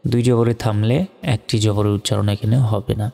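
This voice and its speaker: A man teaching Quran reading, slowly spelling out Arabic letter by letter and reciting the verses in a drawn-out, melodic way. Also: on the low side, little pitch movement, gravelly, dark tone, big-room sound, faint music behind.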